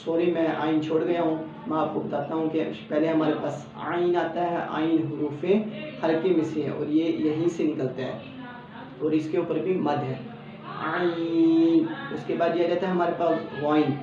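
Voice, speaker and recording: A man with a Pakistani Urdu accent teaching Quran letter pronunciation, patiently explaining each letter and then saying it slowly as a model. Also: on the high side, fairly even intonation. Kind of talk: step-by-step pronunciation lesson. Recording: echoey, distant, dull lo-fi sound with faint background hum.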